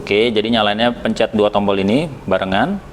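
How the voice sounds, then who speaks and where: This Indonesian man, a reviewer from a helmet shop, talks through a product in a casual, chatty way, pausing as he thinks and slipping in the odd English word. His voice is lowish and brisk, with a noisy background behind him.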